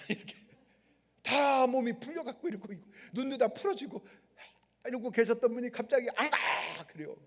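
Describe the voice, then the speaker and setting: A man's voice: extremely high pitch, brisk. A male pastor preaching a sermon and telling stories vividly, acting out the people in them, in a large worship hall. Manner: animated storytelling, acting out the people in his story. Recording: long hall reverb.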